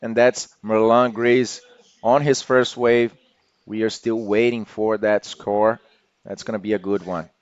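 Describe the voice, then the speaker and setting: A man's voice: on the low side, flat delivery, unhurried, smooth, no echo, lo-fi sound. A man giving live sports commentary as one of the broadcast's commentators.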